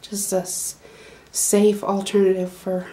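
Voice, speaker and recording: Taking it slowly in a warm, medium-pitched voice with flat delivery, a middle-aged woman gives a homespun tour of her small wooden goat barn. The casual, rambling narration is full of fillers and restarts and is shot on a handheld phone camera.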